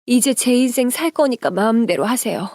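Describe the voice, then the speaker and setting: A worn-out middle-aged mother , voiced by a woman narrator, airs decades of grievances. The tone is mellow and warm, close and dry. She sounds indignant and aggrieved rather than loud. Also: on the high side, animated, a little fast, dry recording, lightly acted. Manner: pleading, indignant. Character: long-suffering middle-aged mother, finally speaking up.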